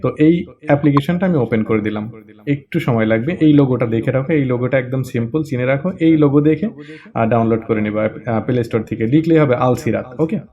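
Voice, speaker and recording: A man's voice: mid-range voice, fast talker, dull audio. A man casually presenting an app tutorial, chatty, with frequent check-ins and hesitation fillers.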